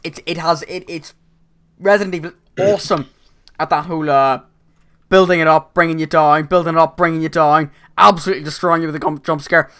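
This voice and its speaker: A man's voice: a little high, fairly even intonation, a little fast, bright, forceful tone, clear, resonant tone. A man hosting a casual gaming podcast, talking energetically with a sore voice and stumbling over repeated words. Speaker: podcast host.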